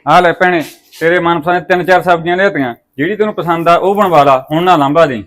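An actor playing an easygoing husband and brother who soothes the quarrel in the family. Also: male voice, lowish voice, very fast, natural voice. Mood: cheerful. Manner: soothing, conciliatory. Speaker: actor in a village family drama.

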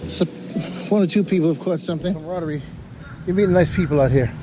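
A middle-aged vlogger narrates a casual walking tour of a waterfront park and chats with people he passes. His voice is on the high side and he talks fast. He records on a handheld camera while walking, with faint wind and outdoor ambience behind him.

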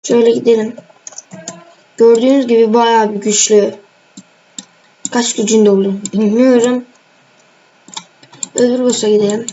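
A woman's voice: a little high, little pitch movement, normal speed, long pauses, mellow. A young woman casually commenting on her gameplay, talking straight to viewers and teasing the players she fights. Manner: chatty, teasing, addresses viewers directly. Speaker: gaming channel host. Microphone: screen-recorded voice mic. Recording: dull lo-fi home mic with faint noise.

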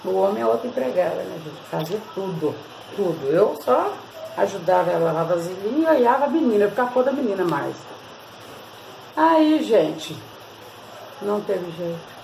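Brazilian woman, vlogger, casual chatty storytelling, gravelly voice, medium pitch. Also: very animated, normal speed, dark tone, slight background noise, rough recording. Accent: Brazilian Portuguese. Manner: chatty, constantly addresses viewers. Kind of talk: casual storytelling and hair-care tips.

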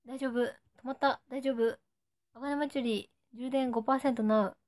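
A woman's voice: high voice, fairly even intonation, moderate pace, darkish tone. A playful young woman with a Nagoya accent, chatting on a live stream and saying short cutesy phrases that fans ask for. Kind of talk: casual live stream chat.

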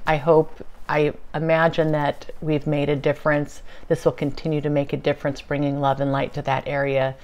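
A woman's voice: low-pitched, clean tone. A woman giving a casual daily spiritual video update, chatty, with frequent ums and small laughs. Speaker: spiritual channeler vlogger.

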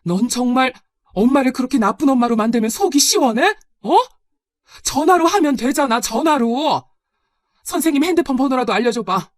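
A woman's voice: mid-range voice, expressive, moderate pace, a little mellow, no echo, clean studio sound, close to an everyday voice. A woman voicing a busy, defensive working mother in a told story, with a scolding, indignant manner. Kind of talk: storybook narration.

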